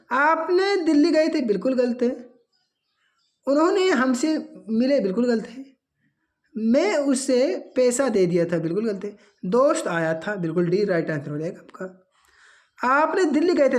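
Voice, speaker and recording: A woman's voice: a little high, a little mellow. A woman teaching an exam-prep grammar lesson, reading out answer options and then correcting them.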